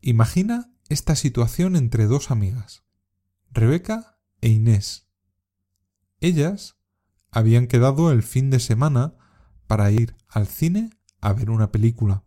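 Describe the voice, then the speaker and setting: A man teaches a scripted language lesson, talking slowly and carefully. His voice is mellow and relaxed. He sets out each example so that learners can copy his intonation. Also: mid-range voice. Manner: slow, careful, modelling intonation for repetition. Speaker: Spanish teacher.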